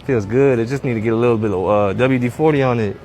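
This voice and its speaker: A man's voice: medium pitch, fast, darkish tone, a little hiss or hum. A man pulling a prank in a gun store, talking in a boastful, swaggering street style. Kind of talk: prank video, street slang.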